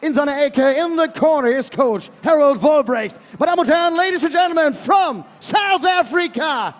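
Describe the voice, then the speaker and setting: A man working as a boxing ring announcer, calling out the fighters with booming, drawn-out announcements over the arena sound system. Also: expressive, shouting. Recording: long arena reverb.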